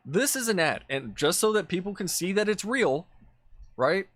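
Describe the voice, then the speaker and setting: Man commentator, slightly high voice, dry close mic, blunt profane ranting over clips. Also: fairly bright tone, no room sound. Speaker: political commentator.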